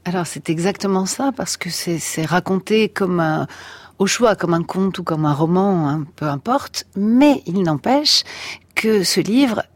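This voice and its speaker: A woman's voice: fairly low pitch, lively intonation, measured pace, dry recording. A woman guest, a neuropsychologist, explaining with enthusiasm in a radio interview. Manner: enthusiastic, explanatory, some restarts.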